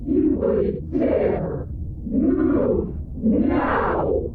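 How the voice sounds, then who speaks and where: Menacing, reverberating otherworldly princess. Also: female voice, phone-quality sound, noisy background. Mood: menacing, commanding. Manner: slow, accusing, commanding. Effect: heavy echo, reverberating. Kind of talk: video game voice acting. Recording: echo-drenched, thin band-limited game voice.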